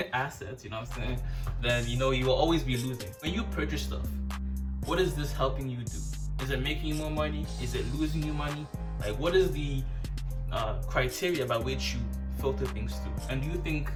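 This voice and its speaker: A man talks casually, hosting with street slang and frequent check-in phrases. His pitch is fairly high for a man. He sits a little back from the mic, with music clearly playing behind him. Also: brisk, far from the mic. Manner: repeats tag questions such as "you know what I'm saying". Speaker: host of a reaction show.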